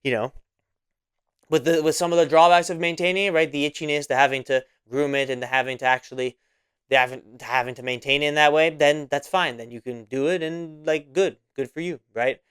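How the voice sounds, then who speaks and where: A man's voice: a little high, fairly even intonation, a little fast, fairly bright tone, clean tone. A man of about twenty hosting a casual solo podcast monologue, rambling and repeating himself with many fillers. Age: 20s. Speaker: podcast host.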